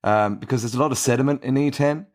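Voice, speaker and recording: A man co-hosting a casual podcast discussion who explains technical details, often pausing with fillers. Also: medium pitch. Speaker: podcast co-host.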